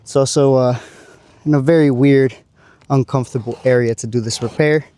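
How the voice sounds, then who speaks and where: Hoarse roofer narrating a repair. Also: male voice, mid-range voice, steady tone, normal speed, dark tone. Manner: careful, explaining each step. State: hoarse, losing his voice. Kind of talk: on-site repair walkthrough. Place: on a rooftop outdoors.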